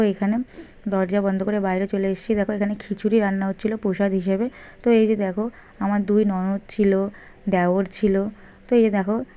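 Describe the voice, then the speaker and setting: A young woman vlogging in a casual, chatty way, repeatedly talking straight to her viewers. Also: mid-range voice. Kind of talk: casual vlog narration. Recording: dull lo-fi sound.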